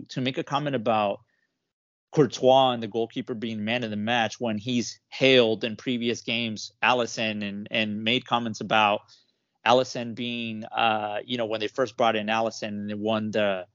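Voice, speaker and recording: A man's voice: mid-range voice, steady tone, moderate pace, fairly bright tone, dry recording, muffled recording. A man in a casual football debate, talking in a rambling, heated way with lots of fillers.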